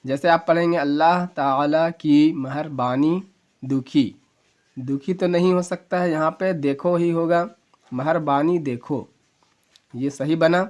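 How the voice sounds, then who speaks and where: Fairly high-voiced man teaching letter by letter. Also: darkish tone. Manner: spells words out slowly, letter by letter; patient, explanatory, asks and answers his own questions. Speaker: Urdu teacher. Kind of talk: casual video lesson.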